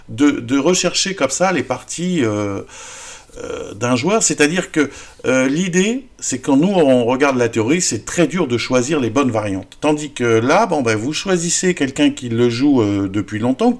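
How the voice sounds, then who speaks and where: Hesitant man teaching chess. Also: mid-range voice. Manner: hesitant, many fillers and restarts. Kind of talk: casual chess lesson.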